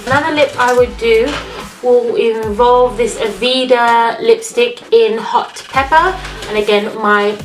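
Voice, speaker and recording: Sounding congested from a cold, a woman with a slightly high, nasal voice talks in an unhurried, friendly way as she does her makeup for a casual tutorial. The beauty vlogger's room is echoey, with music playing clearly in the background.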